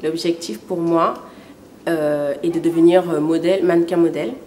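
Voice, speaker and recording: A woman's voice: fairly low pitch, steady tone, moderate pace, dark tone, slight background noise. Young woman, Cameroonian, aspiring model. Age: 20s. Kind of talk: interview testimony.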